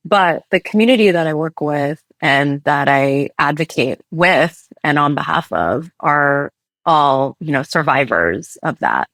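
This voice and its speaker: A woman raised in the United States, a human rights litigator answering interview questions in an earnest, measured way. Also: deep voice, lively intonation, a bit bright, no room sound. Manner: earnest, measured, thoughtful with restarts.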